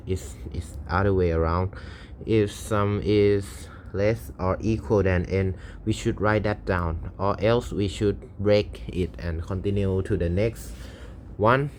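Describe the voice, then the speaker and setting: A channel host whose first language is Thai thinks aloud while working through a coding problem. He speaks slowly in a deep, darkish voice, his English halting, hesitant and full of self-corrections, with slight background noise.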